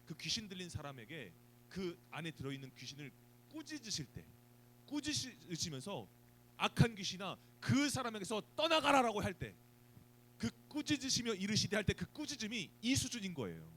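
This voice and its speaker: A man's voice: sits high, normal speed, a little hiss or hum, low-quality recording. A man preaching a youth sermon, asking the students questions and acting out little scenes. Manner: animated, asks the students questions, acts out scenes. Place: church youth service.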